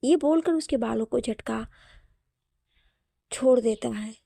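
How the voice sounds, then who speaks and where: Woman storyteller, gravelly, mellow dark tone, dry close sound, steady reading. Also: fairly high pitch, slow, no echo. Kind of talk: scripted story narration.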